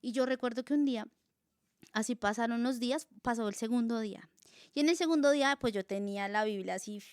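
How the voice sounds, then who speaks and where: A young woman with a Colombian accent, a guest telling her personal faith testimony in casual, animated storytelling, acting out her own past dialogue with many fillers. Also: fairly high pitch, fairly quick, clean tone, no echo, clean studio sound.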